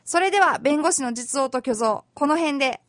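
High-voiced woman hosting a radio talk show. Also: lively intonation, moderate pace, no room sound, clean studio sound. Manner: chatty, explaining law in plain everyday terms; friendly and polite, with many soft fillers.

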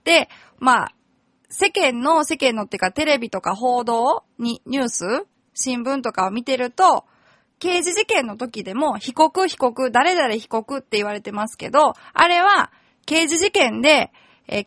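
A woman's voice: sits high, expressive, a little slow, fairly bright tone, no room sound, clean studio sound. A woman lawyer hosting a radio show, patiently explaining legal terms step by step and sometimes correcting herself mid-sentence. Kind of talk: casual explanatory radio talk.

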